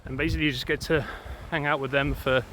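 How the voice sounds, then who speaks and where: A man from England, a vlogger, chats casually while walking through windy countryside, his fairly high voice fast, rambling and relaxed, full of fillers and a bit out of breath. The outdoor camera mic picks up loud wind noise.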